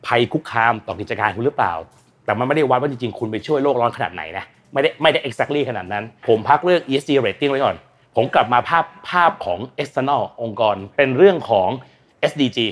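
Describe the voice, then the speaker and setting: A man's voice: mid-range voice, animated, a little fast. A man talking as a guest expert on energy and climate in casual, blunt, slangy speech, acting out quoted voices. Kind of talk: casual explanatory talk.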